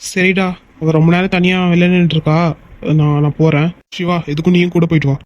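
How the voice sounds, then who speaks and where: A man's voice: on the high side, fairly even intonation, quick pace, a little mellow, lo-fi sound, natural voice. A man voicing a caring young friend in a cartoon, pleading and reasoning. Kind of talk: Tamil cartoon voice acting.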